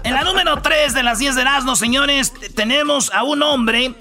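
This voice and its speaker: A man's voice: very high-pitched, moderate pace, over loud music. A man with a Mexican accent hosting a comedy radio show, telling stories in a rowdy, slangy, joking way. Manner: rowdy, joking, slangy storytelling with put-on voices.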